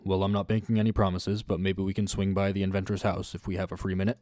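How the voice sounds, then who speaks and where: A man reading a very deep, flat, stern lawyer. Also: fast talker, no room sound, natural voice. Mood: gruff. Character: stern male lawyer, gruff and impatient. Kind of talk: reading game dialogue aloud.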